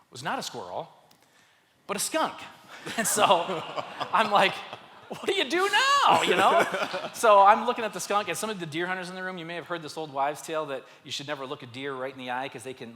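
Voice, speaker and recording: A man's voice: on the high side, brisk, slight background noise. Man telling stories in a reverberant hall. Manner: animated, self-mocking storyteller. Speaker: speaker at a men's church event. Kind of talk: storytelling talk to a live audience. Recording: live hall with long reverb.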